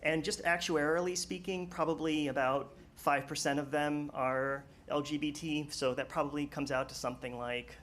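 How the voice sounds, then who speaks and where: A man giving a public comment at a town meeting, earnest and a little nervous, halting with many fillers. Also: on the high side, fairly even intonation, fairly bright tone, a little hiss or hum.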